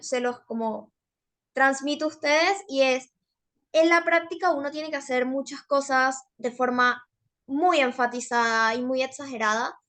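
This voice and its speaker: A woman's voice: sits high, a bit bright. A young woman giving a workshop presentation on public speaking, explaining with frequent fillers.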